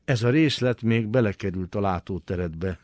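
A man giving a dramatic literary reading, expressive and swinging between hushed and forceful delivery. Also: fairly low pitch, dry recording. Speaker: reader.

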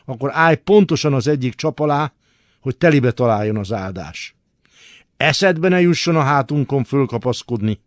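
A man's voice: mid-range voice, animated, no echo, lightly acted. A man voicing a rude, lanky male prison bully who talks in a sneering, menacing way.

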